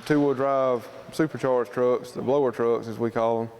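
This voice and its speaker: Man, Southern US accent, folksy explainer, informal interview, mid pitch, faint background noise. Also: steady tone, moderate pace, darkish tone. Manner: plain-spoken, folksy explaining. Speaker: student club president being interviewed.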